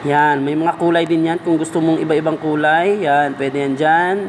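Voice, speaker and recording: A man with a Filipino accent presents a casual video editing tutorial, walking through it step by step and addressing the viewer like a buddy. His voice is on the high side and steady at normal speed, with a little hiss or hum.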